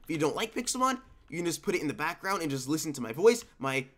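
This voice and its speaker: A man's voice: a little high, big pitch swings, racing. A young man with a sick voice, giving rambling, casual voice-over commentary for his gaming channel from home. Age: young adult. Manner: rambling, conversational, restarts. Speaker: gaming YouTuber.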